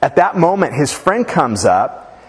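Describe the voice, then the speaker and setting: A man preaches in a loose, chatty way, wandering into stories and side comments with plenty of fillers. His voice sits a touch high for a man. The sound rings out with a long reverb from a church sanctuary. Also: very animated, a little slow. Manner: informal, rambling asides with fillers and restarts. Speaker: pastor. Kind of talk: conversational sermon with storytelling.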